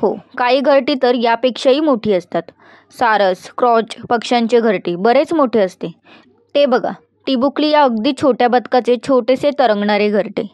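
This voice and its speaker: A woman voicing a calm, knowledgeable male forest guide who explains things steadily and firmly in an audiobook story. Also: on the high side, moderate pace, no echo, highs cut off, natural voice. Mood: informative.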